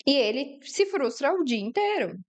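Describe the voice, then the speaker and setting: Candid higher-voiced woman guest. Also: sing-song, moderate pace, dull audio. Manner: candid, talks through everyday family scenes. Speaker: guest, mother of three. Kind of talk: conversational interview.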